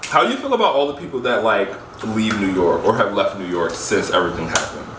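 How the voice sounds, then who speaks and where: A man's voice: fairly low pitch, lively intonation, quick pace. An American man hosting a casual vlog, chatting with a friend in a playful, slangy, campy way. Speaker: host of a casual mukbang vlog. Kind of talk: casual chat between friends. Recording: echoey, noisy room, distant mic.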